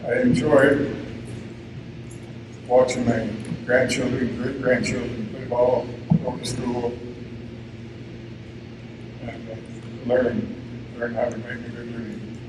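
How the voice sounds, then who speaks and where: A man in his nineties giving an informal commemorative speech as an army veteran, plainspoken and halting, in short phrases. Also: medium pitch. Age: 90s. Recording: echoey, distant, noisy event PA recording.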